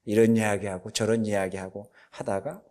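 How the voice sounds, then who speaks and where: A man's voice: fairly low pitch, steady tone, normal speed, a little mellow. A male pastor preaching a sermon, retelling a film's story in a conversational way with frequent fillers.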